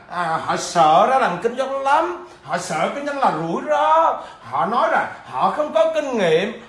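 A man's voice: very high-pitched, fairly bright tone. A man, a business trainer, giving a livestreamed lecture; he stammers at times and keeps checking in with viewers through questions.

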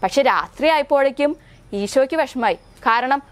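A woman's voice: sits high, lively intonation. A young woman from Kerala teaching a Sunday school catechism lesson to small children, telling stories and asking them frequent questions. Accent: Kerala Malayalam. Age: young adult. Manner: asks children frequent questions, slow prayerful recitation.

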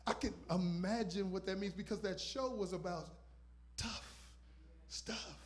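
A man with a strikingly high voice preaching a sermon from a church stage, holding a microphone in his hand. He swings from loud, shouted declarations down to hushed, almost whispered asides. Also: unhurried. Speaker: visiting pastor. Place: church stage with purple lights. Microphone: handheld microphone.

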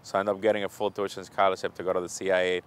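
Racing along in a low, resonant, clear voice with level tone, a man in his thirties from the Dominican Republic introduces himself casually. He's a chef who owns a restaurant, and he talks openly about his life with relaxed fillers, in a restaurant kitchen and gym.

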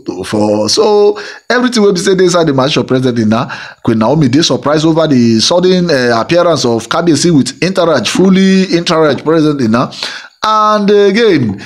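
With a fairly high pitch, this middle-aged man hosts a gossip channel, delivering a meandering monologue about celebrities full of fillers and repetition. He speaks with a Nigerian Pidgin accent, and his first language is Igbo.

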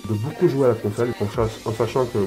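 A man's voice: medium pitch, fast talker, darkish tone, soft background music, low-quality recording. A young man vlogging casually while talking with his mouth full, rambling with many fillers. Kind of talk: casual food-tasting vlog.

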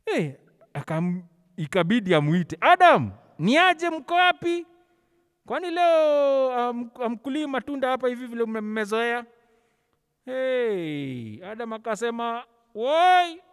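On stage in a large, very reverberant church hall, a Kenyan man who teaches children's Sunday school tells Bible stories with animated, theatrical flair, acting out dialogue with stammered repetitions and casually switching between languages. His voice is high with a clean tone, captured by a handheld mic held close over his face mask.

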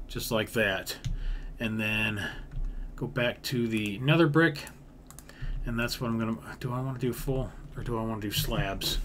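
A mid-range, slightly bright male voice belongs to a gaming video creator casually commenting as he builds in a game. The recording carries background noise and typing, and his talk wanders aloud with repetition and folksy grammar.

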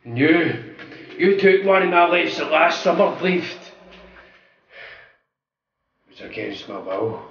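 Man as aggrieved male wrestler, wrestling promo, theatrical pauses, high voice, echoey room. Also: expressive, fairly bright tone, distant mic, lo-fi sound, a little hiss or hum, full character voice. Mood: brooding menace. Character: aggrieved, melodramatic male wrestler vowing revenge.

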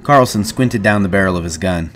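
Low-voiced man reading a novel aloud. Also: fairly quick, a bit bright, slight background noise. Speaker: narrator. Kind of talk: audiobook reading.

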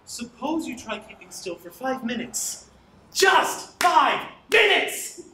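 A man's voice: very high voice, lively intonation, moderate pace. A young man on a school stage playing an irritable, bad-tempered middle-aged husband who snaps and grumbles. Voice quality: snappish, exasperated. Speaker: stage actor. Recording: echoey stage hall, room noise.

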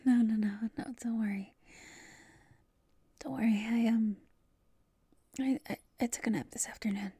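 A woman's voice: a little high, fairly even intonation, moderate pace, pauses often, mellow, husky, no room sound. A woman voicing a tired, playful, affectionate girlfriend in a whispered role-play, talking intimately and a little hesitantly on a late-night call to her lover. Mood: flustered, reassuring.

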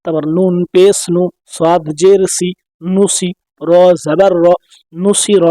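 A man teaching Quran reading in Bengali, with a Bangladeshi accent, drilling syllables slowly one by one, then explaining quickly. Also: sits high, steady tone, warm tone, dry recording. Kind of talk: spelling-out reading lesson.

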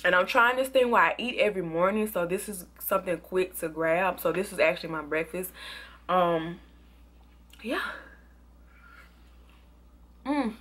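Chatty woman vlogger, low-pitched voice. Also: a little slow, pauses often. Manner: chatty and excitable, talks with food in her mouth. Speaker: beauty and product vlogger. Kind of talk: casual product review vlog.

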